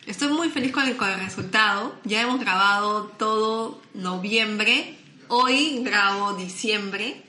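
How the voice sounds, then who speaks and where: A Peruvian woman, a food content creator, chatting casually as a podcast guest and telling animated stories with quoted dialogue. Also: mid-range voice, slow, roomy sound, slight background noise. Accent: Peruvian Spanish. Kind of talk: casual interview chat.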